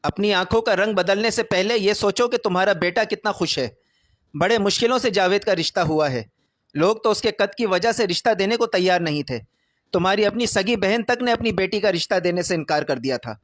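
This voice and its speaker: Calm stern older father, high-pitched reading voice, dry, voiced by a man. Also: dry recording, close to an everyday voice.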